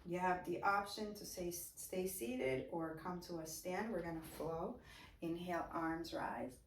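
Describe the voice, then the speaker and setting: Woman leading yoga slowly, low-ish voice, kinda far from the mic in an echoey room. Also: a little hiss or hum. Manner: slow, soft-spoken breath cues. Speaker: yoga instructor. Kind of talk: guided chair yoga class. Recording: roomy echo, voice away from mic.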